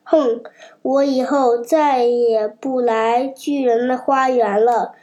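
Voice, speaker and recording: Kind spring fairy read by a woman with a cold, huffy and indignant, high, unhurried. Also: steady tone, darkish tone, muffled recording. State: has a cold.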